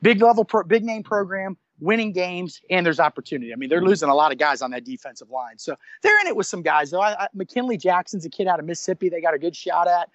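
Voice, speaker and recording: Higher-voiced rambling reporter man. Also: lively intonation, fast, hardly any pauses, fairly bright tone, dry recording, highs cut off. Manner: rambling, self-correcting, many restarts. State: hiccups. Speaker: recruiting reporter. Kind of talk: casual podcast chat.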